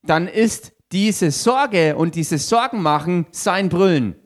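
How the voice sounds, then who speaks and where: Man, sermon interpreter, energetic, echoes the preacher. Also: sits high, takes it slowly. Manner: mirrors the preacher's energy, echoing shouts.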